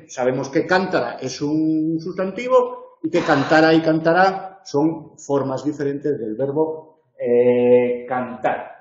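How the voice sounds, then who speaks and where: A male university lecturer talks through his material briskly, tossing in quick checks to the class. His voice is mellow and sits a little high. The recording is dull and lo-fi, with a roomy classroom echo. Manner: brisk, explanatory, frequent tag questions.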